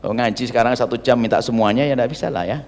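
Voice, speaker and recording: A male preacher giving a sermon, animated, switching between loud emphatic lines and soft, quiet asides. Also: mid-range voice, racing. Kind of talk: religious sermon. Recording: long hall reverb.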